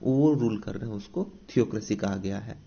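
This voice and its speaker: A man's voice: lowish voice, fairly quick, gravelly, dark tone, breathy edge, muffled recording. A man with an Indian accent teaching English vocabulary for exam coaching, explaining each word with repetition, rhetorical questions and English definitions woven into Hindi speech.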